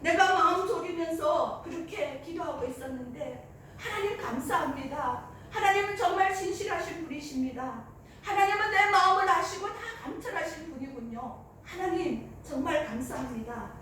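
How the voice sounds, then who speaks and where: A woman's voice: very high voice, expressive, moderate pace, fairly bright tone, far from the mic, slight background noise. A woman preacher voicing Mary, a young woman giving tearful thanks in prayer, in an echoey church hall. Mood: tearful grateful.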